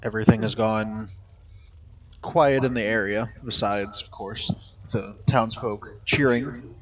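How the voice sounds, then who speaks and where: A man's voice: lowish voice, fairly even intonation, takes it slowly. Easygoing man running a tabletop game. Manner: casual, easygoing narration with fillers. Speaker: game master. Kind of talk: narrating a live tabletop game.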